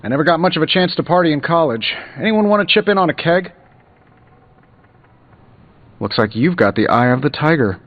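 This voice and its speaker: A man's voice: a little high, lively intonation, a little fast, long pauses, natural voice. A man voicing a self-assured billionaire superhero inventor in a video game, breezy, sarcastic and boastful. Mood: wry, boastful. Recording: slightly dull audio under loud music.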